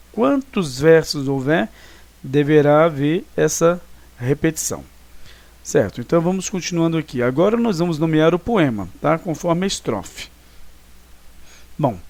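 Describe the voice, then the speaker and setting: A teacher from Brazil giving a recorded lesson, explaining patiently and stopping often to check that students follow. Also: male voice, fairly high pitch, creaky, darkish tone, no echo. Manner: explanatory, checks understanding with frequent tag questions; counts syllables slowly and deliberately.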